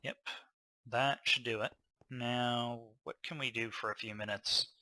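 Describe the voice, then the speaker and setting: A man's voice: medium pitch, steady tone, unhurried, bright, forceful tone, dry recording. A man casually narrating his gameplay, thinking aloud with fillers, a little tired. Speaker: gameplay commentator.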